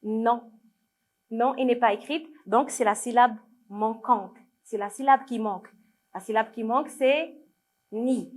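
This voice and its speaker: A woman's voice: fairly high pitch, measured pace, long pauses. A woman with a Moroccan accent teaching French to young children in a video lesson, patient and repeating each word for her pupils. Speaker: primary school French teacher.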